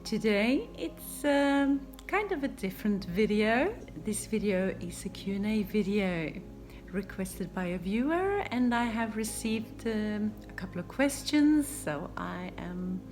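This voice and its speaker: A woman in her fifties from Sweden with a Swedish accent, a non-native English speaker, answering viewer questions in a relaxed vlog with many pauses and ums. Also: mid-range voice. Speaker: home renovation YouTuber. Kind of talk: casual Q and A vlog.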